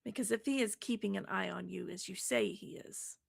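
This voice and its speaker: A woman acting as game master, narrating a tabletop role-playing game and answering in character with brief, measured lines. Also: medium pitch, vocal fry, slightly rough.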